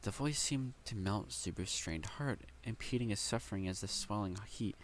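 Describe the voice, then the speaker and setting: A young man reading a novel aloud, stumbling over words now and then and stopping to react with excited commentary. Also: on the low side, a little hiss or hum. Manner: reads haltingly with slips, breaks off to react excitedly. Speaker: light novel reader and reactor. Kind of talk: casual read-aloud with commentary.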